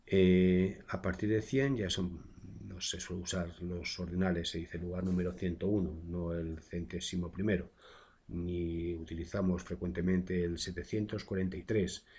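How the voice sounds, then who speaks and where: Guy teaching grammar, deep voice, talks slow w lots of eh's, kinda husky. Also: level tone, darkish tone. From Spain. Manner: explains patiently with frequent "eh" fillers and tag questions. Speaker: secondary school language teacher. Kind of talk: recorded grammar lesson.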